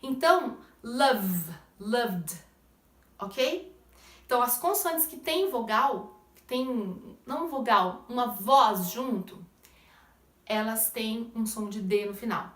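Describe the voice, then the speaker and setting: A woman's voice: a little high, takes it slowly, a bit bright, reverberant, distant mic. A woman teaching English pronunciation in Portuguese, explaining step by step and checking in with the listener often. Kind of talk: pronunciation lesson.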